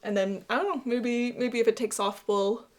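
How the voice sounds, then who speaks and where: A woman's voice: on the high side, fairly even intonation, moderate pace. A woman co-hosting a podcast, explaining things in a casual, chatty way. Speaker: podcast co-host and designer.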